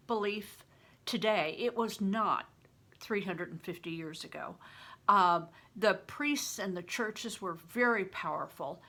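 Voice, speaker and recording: An older woman, a grandmother, reads a story aloud and explains it informally, posing questions to her listeners. Her voice is mid-range with a sharp tone.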